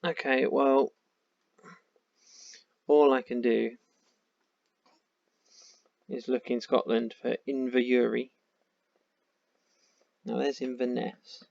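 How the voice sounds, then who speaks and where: A man's voice: mid-range voice, level tone, slow pace, creaky, pauses often, darkish tone, no echo. A man with a tired voice, thinking aloud in casual commentary while playing a map game. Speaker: game streamer. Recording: dull lo-fi sound.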